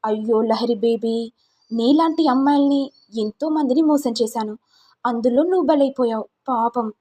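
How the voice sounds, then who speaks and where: A woman's voice: on the high side, warm tone, lightly acted. Woman doing a smug young male blackmailer. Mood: taunting. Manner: taunting, drawn-out mock politeness. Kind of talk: storytelling recap of a serial.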